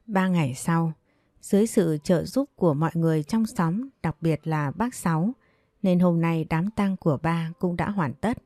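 Low mellow woman storyteller. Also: moderate pace, no echo, clean studio sound. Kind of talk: scripted story narration.

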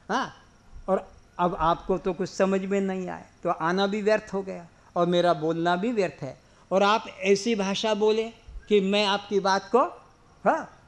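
A man delivering a spiritual discourse to a seated audience, explaining through rhetorical questions and simple everyday examples. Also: sits high. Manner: leads slow drawn-out chanting. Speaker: spiritual teacher.

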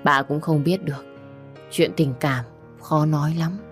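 A woman voicing a gentle old grandmother who speaks in a soft, soothing way, in a storybook reading. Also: deep voice, steady tone, unhurried, soft background music.

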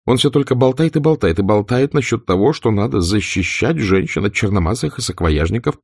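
A man voicing a sharp-tongued, haughty young Southern lady, sarcastic and furious. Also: lowish voice, fairly quick, no echo, studio quality, voice pushed up. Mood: indignant.

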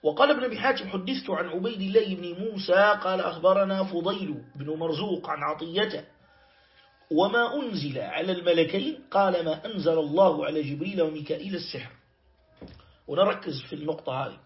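A man teaching a Quran commentary lesson, reciting verses slowly and checking that his students follow. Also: high voice, highs cut off. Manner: explains slowly, quotes verses and checks with "clear?". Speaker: Islamic teacher. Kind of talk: tafsir lesson.

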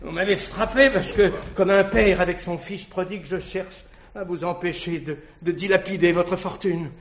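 A man's voice: high-pitched, fairly even intonation, moderate pace. An actor playing a fawning, sly male hanger-on with a wheedling, giggling manner, in a 1960s radio drama.

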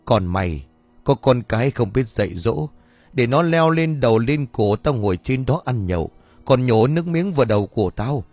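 A man's voice: medium pitch, expressive, normal speed, a little mellow, dry recording, soft background music. A man voicing a vengeful ghost that possesses a woman and curses and threatens the living. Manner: spiteful, cursing, threatening.

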